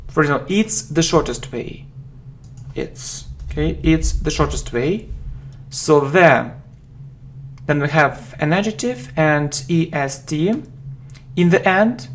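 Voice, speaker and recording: Woman teaching grammar, super slow, says every example twice, typing in the background. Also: deep voice, expressive, slight background noise. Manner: slow and deliberate, repeats example words. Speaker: English teacher. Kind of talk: slow spoken grammar lesson.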